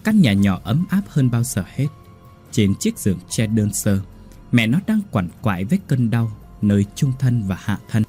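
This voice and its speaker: A man's voice: on the low side, very animated, moderate pace, a little mellow. A man narrating a horror story with dramatic delivery. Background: faint music.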